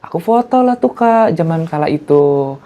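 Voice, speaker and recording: A man's voice: lively intonation, moderate pace, dark tone. Chatty man. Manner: chatty storyteller who acts out quotes in a high voice. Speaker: guest. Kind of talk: casual chat.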